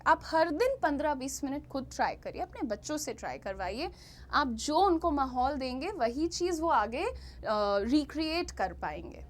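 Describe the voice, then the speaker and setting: An Indian woman, a young adult, teaching English pronunciation in Hindi and stretching out each model word slowly. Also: sits high. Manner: slow, drawn-out model words. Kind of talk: pronunciation lesson.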